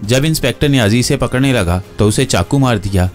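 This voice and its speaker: A man voicing a fat, rough constable who talks coarsely and boasts. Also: medium pitch, fairly quick, faint music behind, close to an everyday voice. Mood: rough jeering.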